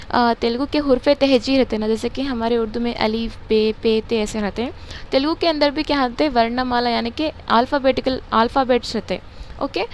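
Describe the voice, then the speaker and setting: A woman teaching English grammar. She reads example sentences slowly, then explains them, often correcting herself. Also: fairly high pitch, slight background noise.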